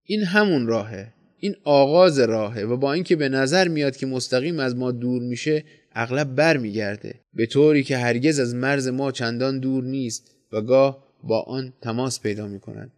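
A man reading a storybook voicing a calm, stubborn guide who speaks low and hushed and repeats himself patiently. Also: natural voice. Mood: insistent.

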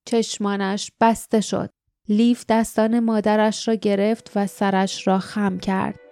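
A woman narrating an audiobook with steady storytelling. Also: mid-range voice, no room sound. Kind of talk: scripted narration.

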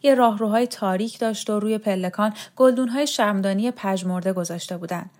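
A woman narrating a novel aloud as an audiobook reader, calm and measured. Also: mid-range voice. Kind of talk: scripted literary narration.

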